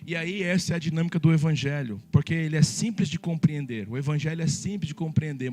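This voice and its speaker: A male pastor preaching a sermon, lively and joking, speaking straight to the congregation. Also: on the high side.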